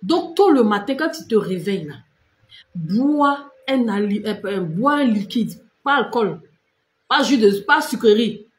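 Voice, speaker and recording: A woman on a live stream giving skincare and diet tips in a fairly high voice. She talks straight to her viewers, repeating and insisting, a little scolding. The sound is echoey, as from a bare room picked up by a phone. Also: expressive, unhurried. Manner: repetitive, direct, addresses viewers as tu and vous. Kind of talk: casual instructive live stream.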